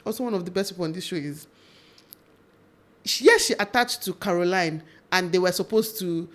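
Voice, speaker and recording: A woman's voice: on the low side, fairly quick. A woman with a Nigerian accent chatting casually as she reviews a reality show, emphatic and opinionated, often jumping in. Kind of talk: casual gossipy chat.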